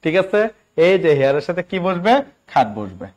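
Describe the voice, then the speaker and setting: A man's voice: sits high, very animated, moderate pace, darkish tone. A man with a Bangladeshi Bengali accent teaching English grammar in a live online exam-prep class, coaxing students and checking again and again that they understand. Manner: coaxing, repeats questions and checks understanding often.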